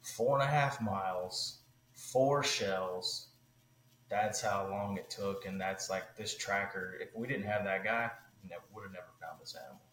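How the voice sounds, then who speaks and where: A man, a podcast guest, telling a long story in a casual, animated way, with many fillers. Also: low voice, unhurried, reverberant, a little hiss or hum, low-quality recording.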